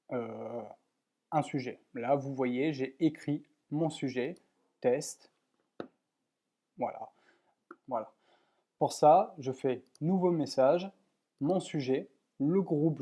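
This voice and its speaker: Man, software tutorial, methodical, mid pitch, warm dark tone, frequent fillers. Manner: plain, methodical explaining with frequent "voilà" and fillers. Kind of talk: screen-recorded software tutorial.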